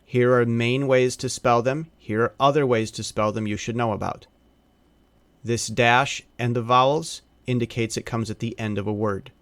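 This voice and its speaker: A man teaching phonics and spelling in a slow narration, sounding out letters and vowel sounds one by one. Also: mid-range voice, fairly even intonation, dry recording.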